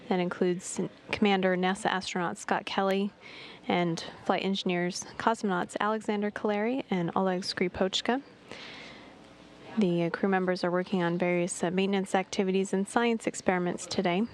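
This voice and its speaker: A woman mission control commentator narrating a live status update in a measured, halting way with hesitant pauses. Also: mid-range voice.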